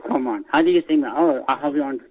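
A man's voice: on the high side, brisk, slight background noise. Man, caller, boastful, phone-line sound, casual chat.

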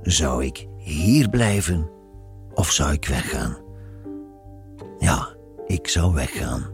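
Deep, gravelly male storyteller, expressive pitch, soft music bed. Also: slow. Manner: reflective, musing storytelling. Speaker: narrator. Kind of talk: scripted narration of a radio story.

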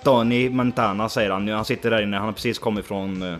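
A young man talking loosely in a casual chat, tossing out questions and casual swearing. His voice sits at an ordinary middle pitch. Faint music sits under him. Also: steady tone.

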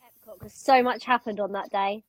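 A woman co-hosting a travel podcast, telling a story in an animated, casual way. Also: medium pitch, fairly quick, no echo. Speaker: podcast co-host. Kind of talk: casual chat.

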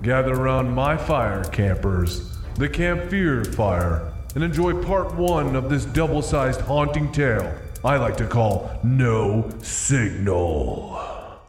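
Spooky horror host campfire storyteller, slow n teasing, menacing, big echo. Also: male voice, medium pitch, very animated. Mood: sly menace. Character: creepy male horror host, camp storyteller by the fire. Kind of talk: theatrical horror podcast narration. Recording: echoey with long reverb, music behind.

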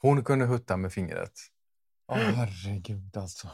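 A man with a fairly low voice co-hosts a podcast in casual chat. He teases dryly and needles his partner. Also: creaky, a little mellow, slightly rough. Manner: teasing, dry. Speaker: podcast co-host.

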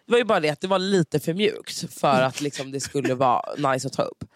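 A young woman telling stories in casual podcast chat, animated and full of fillers and gross-out exclamations. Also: low-pitched.

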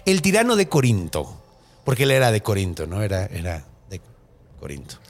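A man's voice: on the low side, huge pitch swings, moderate pace. A Mexican man hosting a podcast, retelling a Greek myth in a slangy, joking way and laughing often. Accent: Mexican Spanish. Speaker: podcast host.

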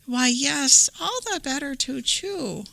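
A woman's voice: high-pitched, animated, slow, creaky, no echo, pitched above the performer's own voice, full character voice. Woman playing a sly wolf faking a granny. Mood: sugary. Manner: sugary, sly and soft.

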